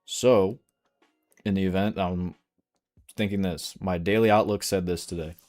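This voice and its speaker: A man's voice: sits low, steady tone, unhurried, a little mellow, soft background music. A man streaming live day trading, casually explaining charts and answering questions from chat.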